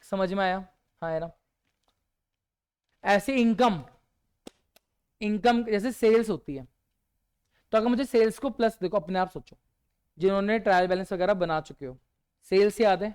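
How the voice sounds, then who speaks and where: This man, leading a revision lecture, keeps asking his students rhetorical questions and answers many with quiet one-word replies. His voice sits high and smooth, at a moderate pace with frequent pauses.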